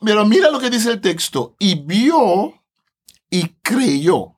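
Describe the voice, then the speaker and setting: Brief: male podcast guest, high pitch, animated and laughing, walks through scripture conversationally. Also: slow pace, breathy edge. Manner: animated, laughs often, tags phrases with a questioning "no". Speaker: Bible translator, podcast guest.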